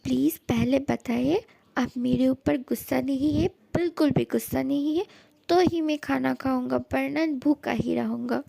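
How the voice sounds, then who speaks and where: A woman's voice: high voice, a little slow, gravelly, dark tone, no room sound, full character voice. A woman voicing a devoted young adult son in a fan dub drama, pleading and repeating words for emphasis.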